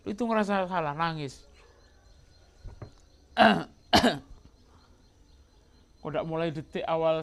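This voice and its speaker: A man giving a sermon, telling stories and acting out quoted dialogue as he teaches from a religious book. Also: fairly high pitch. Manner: storytelling, acts out quoted dialogue, mixes in Javanese and Arabic. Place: religious study gathering.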